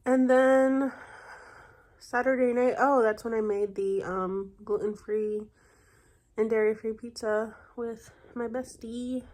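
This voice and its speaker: A woman's voice: on the high side, steady tone, slow pace, darkish tone. Chatty, congested young woman vlogging. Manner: rambling, chatty, many fillers and self-corrections. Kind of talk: casual chat.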